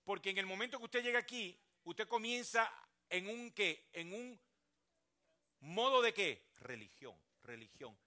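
A man's voice: sits high, expressive, unhurried, pushed and bright. An older man preaching a sermon as a pastor, acting out churchgoers in voices as he talks.

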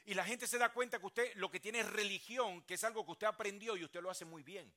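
A high, bright voice belongs to an older male preacher who delivers his sermon in a lively, theatrical way. He slips in and out of acted voices of churchgoers and swings between loud bursts and soft asides. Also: fairly quick. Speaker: pastor.

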